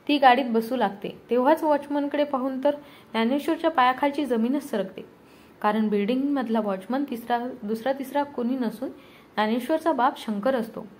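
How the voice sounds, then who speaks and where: A woman narrating a family story in a steady, even reading. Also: high-pitched.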